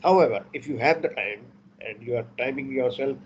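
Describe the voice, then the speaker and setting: A man's voice: mid-range voice, drawn-out words, lo-fi sound, a little hiss or hum. A man teaching an online class for merchant navy exams, mixing Hindi and English and repeating key points for emphasis. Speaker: merchant navy exam instructor.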